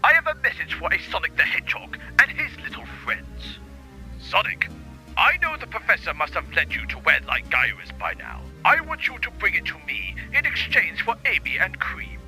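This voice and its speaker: Pompous, high-swooping villain doctor. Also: male voice, huge pitch swings, moderate pace, bright, forceful tone, faint music behind, heavily acted, low-quality recording. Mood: gloating menace. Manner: pompous, menacing. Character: gloating theatrical villain doctor issuing a threat. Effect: radio transmission. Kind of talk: audio drama villain acting.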